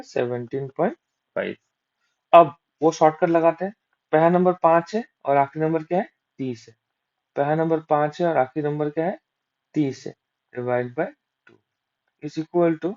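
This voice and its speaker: A maths tutor works through exam-prep sums aloud step by step, asking questions and answering them himself while mixing English maths terms into his Hindi. His voice is slightly high with a dark tone, on a dull lo-fi recording.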